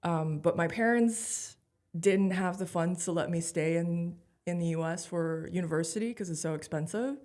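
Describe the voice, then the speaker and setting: A woman in her thirties from Taiwan, a comedian telling her life story in a candid, animated way with many "like"s. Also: on the low side, moderate pace. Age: 30s. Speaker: guest comedian. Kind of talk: casual interview chat.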